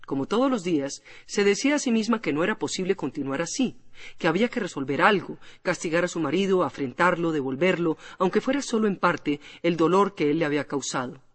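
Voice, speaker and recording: Man narrating a classic novel, high voice. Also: animated, fairly quick, fairly bright tone. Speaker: audiobook narrator. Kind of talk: scripted literary narration. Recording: long hall reverb.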